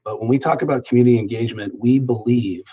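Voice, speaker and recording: Heard over a video call, a man serving as police chief answers questions at a public meeting. His mid-range, husky voice has its highs cut off, and he speaks in a measured way with many hesitations.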